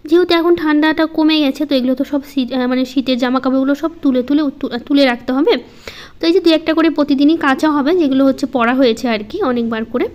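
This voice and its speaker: A woman narrating her home vlog in a slow, soft-spoken, halting way. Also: sits high. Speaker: home vlogger. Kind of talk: casual voice-over vlog.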